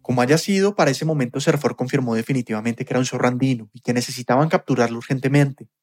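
A man narrating a scripted documentary podcast in a measured, storytelling delivery. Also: mid-range voice, darkish tone. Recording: faint music bed.

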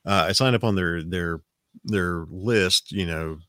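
On his podcast, a middle-aged man rambles through a long, casual story, restarting sentences and repeating words at a slightly slow pace. His voice sits very low, a little raspy and a bit bright, recorded dry and close without room echo.

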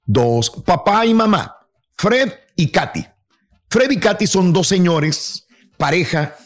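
A man hosting a radio talk show, telling a story with emphatic, animated delivery. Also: sits high, takes it slowly. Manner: animated, emphatic, acts out quoted voices. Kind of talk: casual radio chat, storytelling.

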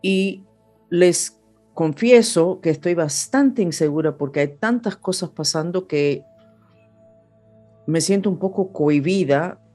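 Over background music, an astrologer whose first language isn't Spanish gives an unscripted horoscope and spiritual talk in Spanish to her audience. Her voice is on the low side, mellow, and slow-paced.

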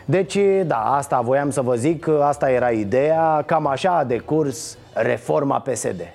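Gravelly-voiced sarcastic male host. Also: medium pitch, a little mellow, soft background music. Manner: sarcastic, mocking, punchy. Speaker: satirical show host. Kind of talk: satirical news monologue.

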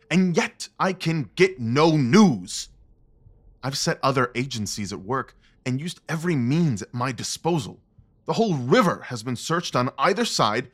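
In an audio drama, a man with a mid-range voice plays a restless, commanding gentleman detective. He speaks formally and with intense emphasis.

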